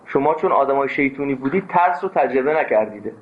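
A man teaching a philosophy class, speaking emphatically and breaking into anecdotes. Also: medium pitch. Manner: emphatic, animated, tells anecdotes. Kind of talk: classroom lecture. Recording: tinny phone-like sound.

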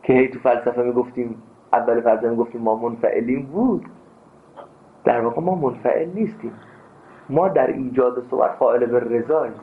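A man teaching a philosophy class, speaking emphatically and breaking into anecdotes. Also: medium pitch. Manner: emphatic, animated, tells anecdotes. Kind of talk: classroom lecture. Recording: tinny phone-like sound.

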